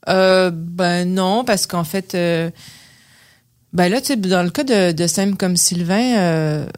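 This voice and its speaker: Quebec French woman, low-ish voice, rambling guest with lots of fillers. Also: slow pace, a little mellow. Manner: hesitant, many fillers and restarts, digressive. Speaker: actress and director, guest. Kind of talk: casual interview chat.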